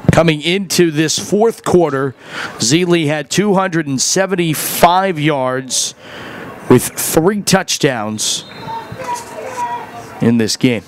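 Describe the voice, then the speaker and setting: A man's voice: fairly high pitch, animated, noisy background. A man doing conversational play-by-play sports commentary. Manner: conversational play-by-play, quick calls.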